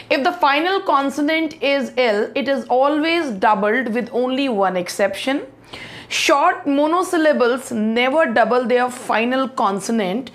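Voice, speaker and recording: Indian female tutor, unhurried and patient, thinks aloud between points. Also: sits high. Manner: slow, explanatory, many hesitations, mixes Hindi and English. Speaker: English grammar teacher. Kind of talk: exam-prep grammar lesson.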